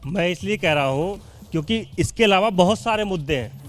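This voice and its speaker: A man's voice: high-pitched, animated, fairly quick, a bit bright. A male debate participant at an outdoor public gathering, speaking emphatically.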